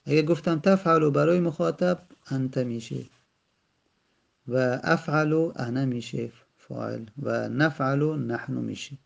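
In a gravelly mid-range voice, a man explains Arabic grammar patiently to his student, addressing them directly. He goes over every term more than once, putting it in new words, on a dull lo-fi recording.

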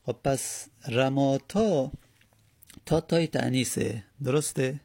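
A man's voice: a little high, creaky, darkish tone, dry recording. A man teaching an Arabic grammar lesson, explaining step by step, spelling out word forms and asking and answering his own questions.

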